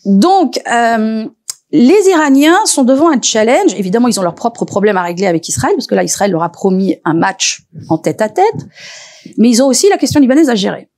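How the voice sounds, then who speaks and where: A woman researcher speaking as an expert on a panel, lively and animated, often pausing with hesitations and restarts. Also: on the high side. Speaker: researcher and lecturer. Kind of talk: expert talk at a panel discussion.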